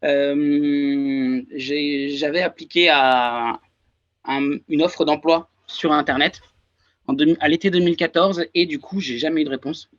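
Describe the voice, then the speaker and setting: In a casual interview, a French-accented research and development engineer in his thirties speaks as a guest, frequently pausing with fillers and starting over. His fairly high voice has fairly even intonation and a slightly slow pace, heard through dull lo-fi sound.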